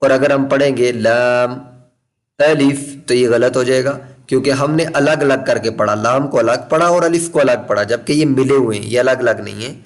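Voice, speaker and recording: A man teaching Quran reading in a recorded lesson, explaining patiently and deliberately, repeating key points and slowly drawing out letter names to demonstrate. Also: medium pitch.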